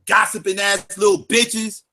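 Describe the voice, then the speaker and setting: A man's voice: high voice, level tone, a little slow, bright, forceful tone. A man giving angry, profane, sarcastic commentary on a livestream.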